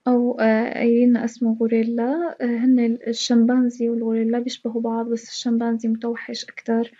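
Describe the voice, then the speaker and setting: A woman's voice: on the high side, completely flat delivery, fast talker, warm tone, slightly rough, dull audio. A woman with a Levantine Arabic accent teaching an English lesson. She explains step by step, repeats English words with their Arabic meanings and praises her students.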